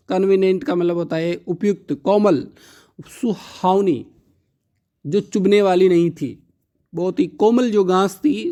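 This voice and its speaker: A man teaching a poetry lesson. He reads each line slowly, then explains it. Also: sits high, mellow.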